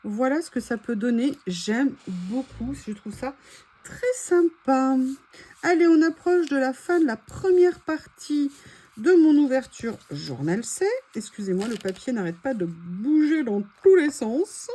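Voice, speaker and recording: French woman vlogger, higher voice, mellow and soft tone, gushing casual haul chat, repeats her praise. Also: very animated, measured pace, slightly rough. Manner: enthusiastic, gushing, repeats words. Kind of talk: casual haul chat, reading quotes aloud.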